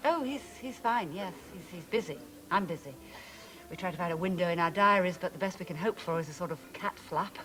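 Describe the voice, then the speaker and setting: A woman's voice: lowish voice, brisk, pushed and bright. An actress playing a middle-aged woman TV talk show host with dry, cutting wit.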